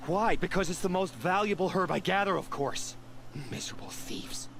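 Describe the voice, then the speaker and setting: A man's voice: high-pitched, normal speed, gravelly, a bit bright. An actor playing a frightened, grumbling male herb gatherer in a video game. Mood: fretful. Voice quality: grumbling, fretful. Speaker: game character. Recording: game audio with faint background noise.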